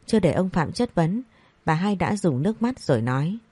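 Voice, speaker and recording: A woman narrating a scripted story, reading each character's lines in the same even voice. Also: on the low side, brisk, husky, dry recording. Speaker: audiobook narrator.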